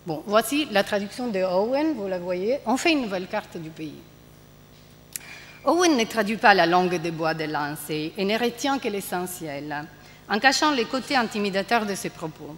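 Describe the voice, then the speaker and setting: A woman's voice: mid-range voice, expressive, normal speed, slight background noise. A woman giving a university lecture on translation, hesitant, with many fillers. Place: lecture hall. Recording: reverberant lecture hall.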